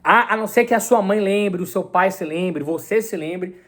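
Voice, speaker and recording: A man's voice: sits high, normal speed, fairly bright tone. A young man with a Brazilian accent, a speech coach talking earnestly to his viewers in a casual, repetitive way. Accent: Brazilian Portuguese. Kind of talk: casual to-camera talk.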